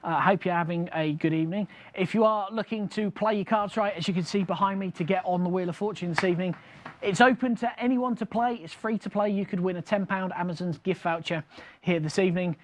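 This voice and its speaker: A man's voice: sits high, a little fast. A man hosting a live game as a bingo caller, announcing numbers in repeated traditional patter.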